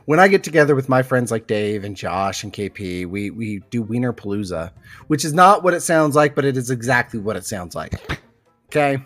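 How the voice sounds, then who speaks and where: Man, podcast co-host, casual chat; rambling, trips over repeated words, middle pitch. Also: expressive, brisk, fairly bright tone, soft background music.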